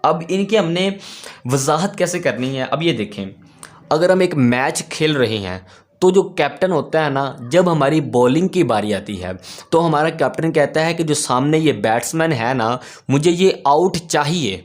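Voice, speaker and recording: A man teaching a class, patiently asking his own questions and repeating each key word slowly. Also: on the high side, expressive. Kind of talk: classroom lesson.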